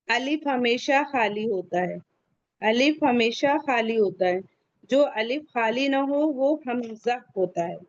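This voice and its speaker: A woman teaches an online tajweed class at a slow, deliberate pace. Her voice sits a little high, and she repeats each question before answering it herself. The recording is dry and a bit dull. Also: a little mellow, dry recording. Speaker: Quran recitation teacher. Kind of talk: online tajweed lesson, screen shared.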